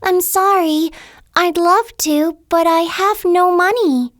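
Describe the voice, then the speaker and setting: A woman voicing a gentle young princess who speaks politely and wide-eyed. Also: extremely high pitch, slow, no room sound, clean studio sound, soft background music.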